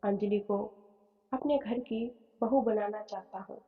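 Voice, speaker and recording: A woman's voice: mid-range voice, steady tone, measured pace, breathy edge. A woman voicing a kindly, well-off older man who employs the bride's father, speaking in a reassuring, fatherly way. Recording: phone-like tone, long reverb, soft music.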